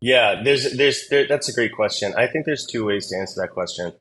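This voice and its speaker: A man's voice: medium pitch, fairly quick. A man working as an admissions consultant, telling stories in a casual interview with lots of fillers and restarts. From Singapore. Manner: animated storyteller with many fillers and restarts.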